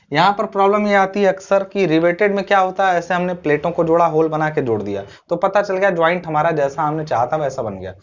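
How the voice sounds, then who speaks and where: A man whose voice sits high teaches civil engineering in a lo-fi recorded online lecture. He goes step by step, poses his own questions before answering them, and regularly checks in with brief tag phrases.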